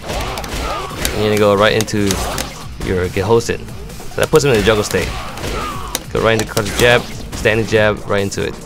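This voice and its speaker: This man has a lowish voice and a normal pace, broken up by long pauses. As a competitive gamer, he gives instructional commentary on fighting game moves, breaking each one down step by step while music plays in the background.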